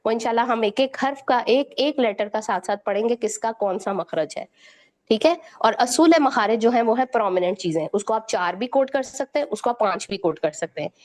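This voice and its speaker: A woman's voice: a little high, a little fast, a little mellow. A woman teaching Quran recitation, explaining each point and then quizzing her listeners with questions, with frequent checks of "okay?". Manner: repeats "theek hai" to check understanding, quizzes listeners with questions. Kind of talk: explanatory lesson to students.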